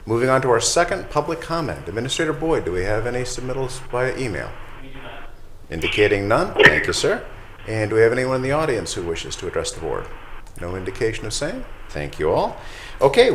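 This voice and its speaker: A man who is a county commissioner, chairing a public meeting in a brisk, procedural way with a light joking touch. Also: medium pitch, very animated, a bit bright, slight background noise.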